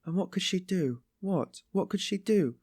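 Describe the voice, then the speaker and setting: For an audiobook story, a man voices an anguished young woman who is meek but passionately compassionate, pleading in breathless exclamations and repetitions. He raises his medium, darkish voice above his natural pitch and acts lightly at a moderate pace. The mood is agitated, and the studio sound is dry and clean.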